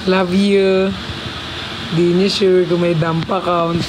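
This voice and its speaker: A man's voice: sits high, level tone, takes it slowly, background noise. A man hosting a casual livestream, signing off with playful, teasing goodbyes to his viewers. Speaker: livestream host.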